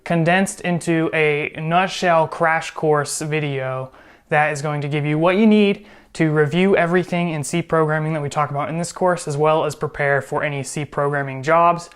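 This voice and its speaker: A man's voice: fairly high pitch, fairly even intonation, moderate pace, clear, resonant tone. A man teaching programming in a casual screen-recorded tutorial, chatty and joking, often correcting himself as he goes. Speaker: programming instructor.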